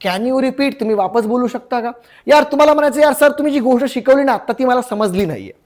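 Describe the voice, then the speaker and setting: A young man teaching everyday English phrases in a casual Marathi lesson, repeating each phrase and drawing the English words out slowly. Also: extremely high pitch, lively intonation, darkish tone.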